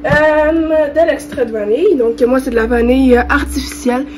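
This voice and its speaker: A young woman vlogger with a Quebec French accent gives an informal, hesitant cooking tutorial to camera in her home kitchen, her high voice congested from a cold. She speaks at a normal speed in a steady tone, with music playing behind her. Background noise is clearly audible in the recording.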